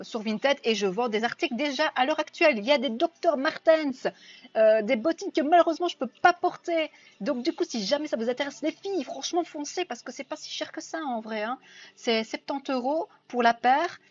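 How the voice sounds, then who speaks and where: A woman's voice: fairly high pitch, normal speed. A woman from Belgium with a Belgian French accent chatting on a live stream, reading viewer comments aloud and answering them. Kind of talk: casual live-stream chat. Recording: dull lo-fi sound with faint music.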